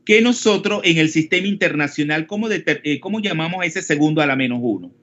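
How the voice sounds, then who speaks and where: Panamanian male teacher, higher voice, explanatory, keeps checking in with the class; muffled lo-fi online-class audio. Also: quick pace, fairly bright tone. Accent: Panamanian Spanish. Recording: dull lo-fi call audio.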